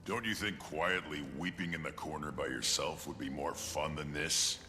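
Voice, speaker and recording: A man voicing a gruff, battle-worn beast warrior in a video game, gravelly and drily sardonic, over game music. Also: very deep voice, steady tone, moderate pace, pushed and bright, long reverb tail. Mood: sardonic, grumpy. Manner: dry, sardonic.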